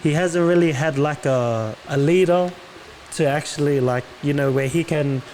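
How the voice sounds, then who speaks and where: A man's voice: on the high side, normal speed, a little mellow, rough recording. A man giving casual sports opinions as a panelist, in loose conversational phrasing. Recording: slight background noise.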